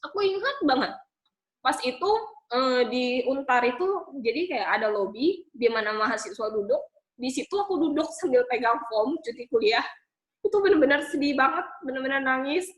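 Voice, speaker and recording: A woman's voice: high-pitched, lively intonation, normal speed, roomy sound, poor audio. A woman in her twenties from Bangka, Indonesia, telling her life story with emotion and many fillers. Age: 20s. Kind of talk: personal testimony talk.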